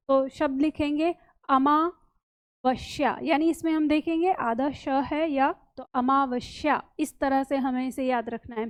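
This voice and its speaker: A woman teaching a spelling lesson, explaining each word step by step and patiently repeating it slowly. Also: sits high, a little mellow. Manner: patient, repeats words slowly and checks understanding. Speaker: Hindi teacher.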